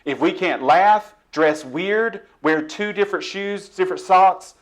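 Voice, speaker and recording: A middle-aged man preaching a personal testimony sermon in a church, swinging between soft hushed lines and loud emphatic ones. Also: high voice, a little slow.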